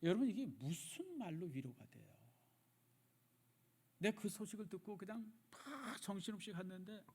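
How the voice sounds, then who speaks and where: Male pastor, middle-aged, sermon, higher-pitched voice, hushed repeated phrases, church sanctuary. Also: big pitch swings, moderate pace, slightly rough. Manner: emotive, swings from loud to near-whispered; addresses the congregation directly, repeats phrases for emphasis. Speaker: senior pastor.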